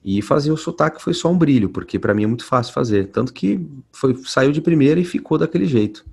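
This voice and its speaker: A man, a voice actor being interviewed, telling stories in a relaxed way from home. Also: a little high, fast, vocal fry, husky. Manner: relaxed storytelling, many restarts. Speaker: voice actor guest. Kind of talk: casual interview talk. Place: at home at night.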